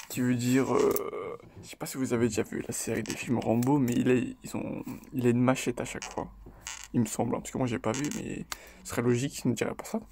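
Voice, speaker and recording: Gravelly-voiced man chatting casually. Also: mid-range voice, a little mellow, slight background noise. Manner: loose and chatty, tags lines with "ok?" and "voilà"; hesitant, with frequent fillers and restarts. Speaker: video host analysing rap lyrics. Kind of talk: casual spoken commentary.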